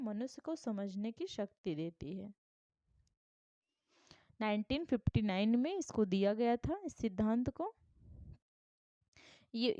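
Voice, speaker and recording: A woman's voice: medium pitch, warm tone, no echo. Woman teacher, exam-prep lesson, methodical and checking in, dry lo-fi sound. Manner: explains step by step, reads Sanskrit questions aloud, keeps checking "ठीक?". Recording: dull, lo-fi dry recording.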